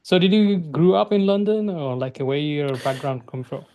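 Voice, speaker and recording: A man's voice: a little high, little pitch movement, moderate pace, dark tone. A man hosting an interview podcast, talking eagerly with loose grammar and frequent "like". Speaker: podcast host.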